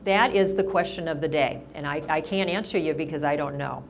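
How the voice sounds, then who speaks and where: A middle-aged woman, the town's mayor, chats casually at a senior center in a town-hall style, rambling with many restarts and fillers. Her voice is low-pitched, creaky, and a little fast, with a slight hiss or hum in the recording.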